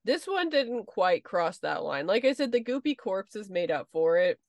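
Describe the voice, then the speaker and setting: Brief: woman co-host, casual movie chat, measured and matter-of-fact, dry close recording. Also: mid-range voice, sing-song, no echo. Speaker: podcast co-host.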